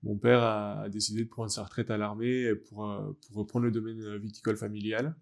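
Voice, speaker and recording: Low gravelly man, halting and reflective. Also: level tone, darkish tone. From France. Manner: halting and reflective, searching for words. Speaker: guest, wheelchair rugby athlete. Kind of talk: casual interview talk.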